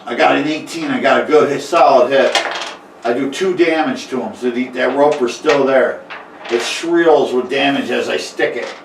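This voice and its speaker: Halting man running a tabletop game. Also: mid-range voice. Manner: halting, many fillers and restarts. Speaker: game master. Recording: echoey room, mic far off, faint noise.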